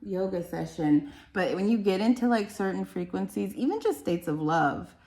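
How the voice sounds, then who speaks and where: A woman's voice: mid-range voice, big pitch swings, moderate pace, mellow, roomy sound. A woman giving a casual, rambling spiritual card reading, chatty and enthusiastic. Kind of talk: casual tarot-style reading.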